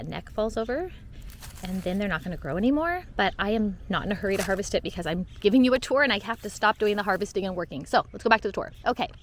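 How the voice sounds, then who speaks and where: A woman's voice: medium pitch, a little hiss or hum. A woman giving a casual walk-and-talk tour of her vegetable garden, chatty and bubbly, laughing at her own slips, recorded outdoors on a camera she carries.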